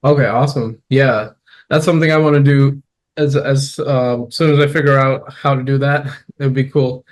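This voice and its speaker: A man's voice: medium pitch, steady tone, moderate pace. A young man hosting a podcast interview, chatting in a casual, upbeat way with lots of fillers. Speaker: podcast host and biology student.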